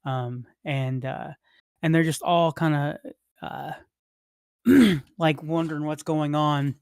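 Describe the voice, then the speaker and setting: A game master narrating a tabletop game slowly, stopping and restarting often as the scene is described. The recording is dry and close. The pitch sits in the middle. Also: creaky, a little mellow, clear, resonant tone, no echo. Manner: halting, rambling, with many restarts.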